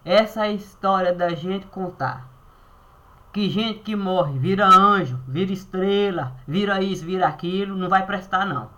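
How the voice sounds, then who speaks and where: A woman telling a personal story in a playful, animated way, acting out the dialogue. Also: medium pitch, normal speed, dull audio.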